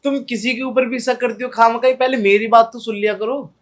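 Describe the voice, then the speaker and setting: A woman's voice: a little high, fairly even intonation, fairly quick, close to an everyday voice. A woman playing a young husband caught cheating, who defends himself and begs forgiveness in a comic family skit. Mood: pleading. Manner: defensive, wheedling, pleading.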